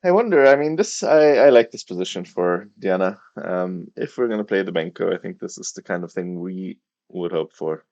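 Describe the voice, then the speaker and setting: A low, gravelly male voice, tired and hesitant, talks awkwardly around a swollen, sore tongue. He gives quiet, casual commentary as a chess streamer. The sound is dull. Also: steady tone, normal speed, few pauses, dry recording.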